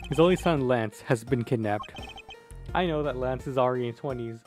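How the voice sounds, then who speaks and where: An earnest gentleman detective from a visual novel, acted by a man reading aloud. He is formal and easily indignant, with faint music behind him. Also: medium pitch, a little fast, close to an everyday voice. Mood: brooding.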